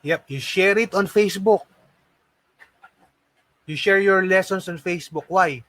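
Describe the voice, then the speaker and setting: This online English and call center trainer, a Filipino-accented man from the Philippines, has a high, slightly bright voice and a measured pace. Teaching live online, he repeats phrases and asks rhetorical questions to encourage his learners. The recording is dry.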